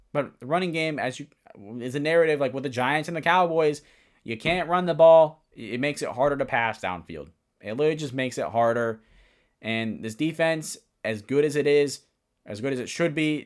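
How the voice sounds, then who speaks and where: A young man hosting a casual solo football recap, rambling, correcting himself and giving blunt opinions. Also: medium pitch. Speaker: sports podcast host.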